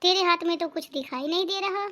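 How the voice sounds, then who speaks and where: A nagging, greedy mother-in-law from a cartoon family drama, voiced by a woman, with a very high, thin voice. She scolds and jabs with sarcasm. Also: a little fast, bright, forceful tone. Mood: scolding.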